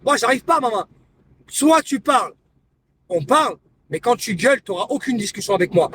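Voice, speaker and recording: High-voiced man ranting confrontationally on a live stream. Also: big pitch swings, moderate pace, far from the mic, noisy background. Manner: confrontational, repeats himself, taunting. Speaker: livestreamer. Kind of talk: heated live-stream rant.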